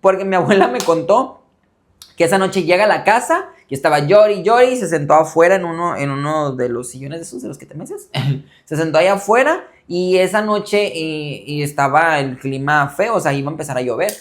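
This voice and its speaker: A young man with a Mexican accent hosting a casual show, telling a personal story with lively acted-out quotes and frequent laughter. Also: fairly high pitch, a little fast. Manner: animated, acts out relatives' quotes, laughs often. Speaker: host.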